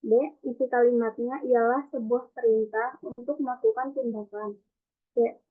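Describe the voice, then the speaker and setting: A woman's voice: fairly high pitch, moderate pace. Young woman reading notes over a tinny line. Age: young adult. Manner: even, careful recitation of a script. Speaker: student presenter. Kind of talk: reading a class presentation. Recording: tinny phone-like recording.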